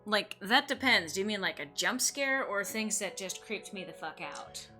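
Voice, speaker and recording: A woman's voice: mid-range voice, expressive, moderate pace, pushed and bright, soft background music. A woman live streaming a game, reading aloud expressively and chatting with wry asides.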